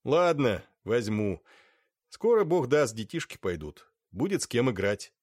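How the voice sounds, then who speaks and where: A man voicing a kind, scarred young man who speaks gently and reassuringly. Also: medium pitch, sing-song, unhurried, no room sound, clean studio sound. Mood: gentle.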